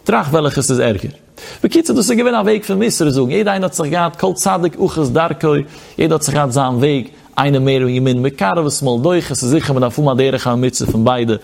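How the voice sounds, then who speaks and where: A man teaching a religious text in a somewhat high, gravelly voice. He reads passages aloud, then explains them and presses the point with emphatic rhetorical questions.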